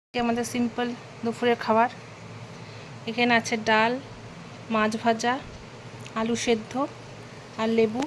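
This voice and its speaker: A young woman chatting casually in a home vlog, sometimes speaking softly. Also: fairly high pitch, monotone, a little slow, pauses often, a little hiss or hum. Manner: chatty, talks softly at times. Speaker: vlogger.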